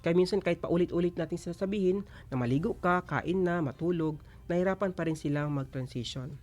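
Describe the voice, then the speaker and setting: A man and father explaining parenting strategies calmly, switching between Tagalog and English. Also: on the high side, fairly quick, soft background music. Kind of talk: talk show advice segment.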